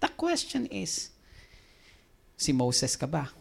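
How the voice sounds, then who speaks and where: A woman preaching a sermon, swinging between soft scripture reading and emphatic exhortation. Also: low voice, huge pitch swings, slow pace, creaky.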